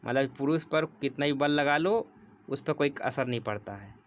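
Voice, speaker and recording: Male tutor, mid-pitched voice, patient and repetitive delivery, faint hiss in the background. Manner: explains slowly with repetition, reads English definitions word by word. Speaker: teacher. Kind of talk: exam prep vocabulary lesson.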